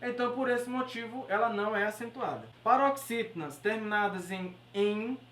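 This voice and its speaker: Speaking at a moderate pace in a slightly bright, rather high voice, this Brazilian Portuguese-accented woman teaches grammar for an exam. She explains each step and keeps asking "certo?" and "beleza?" to make sure listeners follow. The room echoes and she's far from the microphone.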